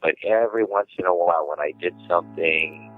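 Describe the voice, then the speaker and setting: A man from Hawaii, a musician guest, talking casually and haltingly as he searches for his words, heard over a phone line. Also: sits low, no echo, soft background music. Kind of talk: casual interview talk.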